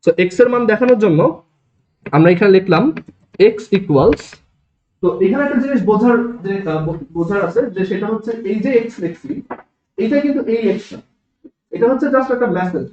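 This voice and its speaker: High-voiced man teaching in an echoey classroom. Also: animated, fast talker, darkish tone, a little hiss or hum. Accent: Bangladeshi Bengali. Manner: explains step by step, asks the class checking questions. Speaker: programming teacher. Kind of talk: classroom lecture. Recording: echoey classroom, dull lo-fi sound.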